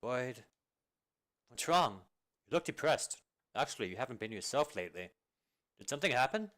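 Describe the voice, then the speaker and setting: A man voicing a rough, big-hearted young male fighter who talks loudly and bluntly as he comforts. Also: medium pitch, big pitch swings, normal speed. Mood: comforting. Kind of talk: amateur video game fan dub.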